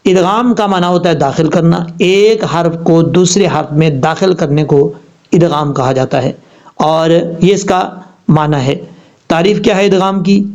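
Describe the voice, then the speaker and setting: A man with a Pakistani Urdu accent teaching Quran recitation, explaining rules step by step and reciting example words slowly and drawn out. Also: a little high, darkish tone. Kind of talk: tajweed lesson. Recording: dull lo-fi sound.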